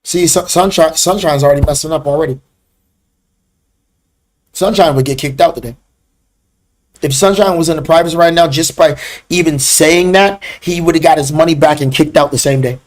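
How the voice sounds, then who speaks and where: A man hosting a live trading class, talking bluntly and scolding viewers by name, with drawn-out loud emphasis when he calls people out. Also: a little high. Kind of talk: live stream trading lesson.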